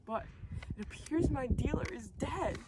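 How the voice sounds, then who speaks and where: A young woman acting a grieving Cuban civilian woman who has turned to drugs, speaking deadpan in an amateur skit. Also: high-pitched, normal speed. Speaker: student actor. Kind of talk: amateur school-project skit. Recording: noisy amateur recording.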